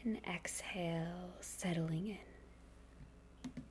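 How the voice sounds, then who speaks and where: A woman leading a guided meditation in a soft, breathy, calming near-whisper. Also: lowish voice, drawn-out words. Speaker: meditation instructor.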